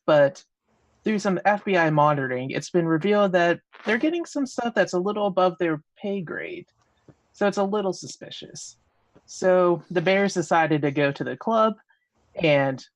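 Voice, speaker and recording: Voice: medium pitch, dry recording. A game master narrating a tabletop role-playing game in a casual, conversational storytelling manner.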